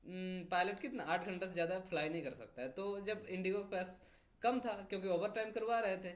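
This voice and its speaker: A man teaching an English grammar lesson, explaining step by step, reading example sentences slowly and checking in after each point. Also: sits high.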